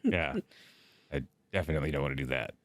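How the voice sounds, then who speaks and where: A man's voice: rumbling low, quick pace, no echo. A man with a slight lisp co-hosting a casual chat show, rambling and joking. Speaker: co-host.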